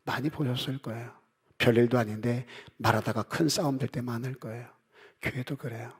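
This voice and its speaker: A man delivers a Sunday sermon in a church sanctuary, his voice gravelly and a little husky. He preaches emphatically, repeats phrases to drive them home and acts out the voices of the people he quotes. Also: medium pitch, steady tone, brisk. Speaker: pastor.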